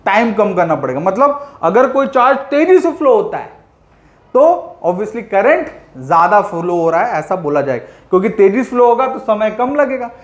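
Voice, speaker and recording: A man with a high voice teaching a physics class, going through each step and dropping into slow, careful English for definitions. He mixes in playful teasing of his students. The room is echoey and the sound rings around him. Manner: teasing, addresses students as "my dear children".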